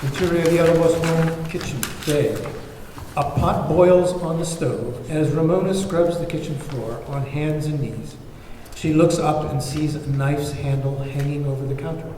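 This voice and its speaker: A man narrates a screenplay table read, reading scene descriptions and stage directions in a dark-toned voice on the high side, at a moderate pace. The recording comes from a very echoey hall with a distant mic and faint noise.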